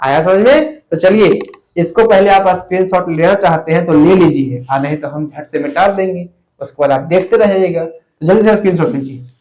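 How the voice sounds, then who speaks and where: A young man with a fairly high voice teaches Sanskrit to students watching online, writing on a board as he goes. He keeps the lesson light with playful jokes and quick asides to his viewers. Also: darkish tone, low-quality recording. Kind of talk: online classroom lecture.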